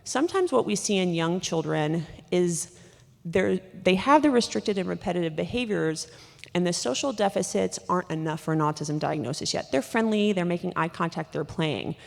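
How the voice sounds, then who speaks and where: A woman doctor giving a conference lecture, talking quickly with lots of fillers and restarts, in a large conference hall. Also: fairly low pitch, lively intonation, gravelly. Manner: rapid, with many fillers and restarts. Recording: hall reverb.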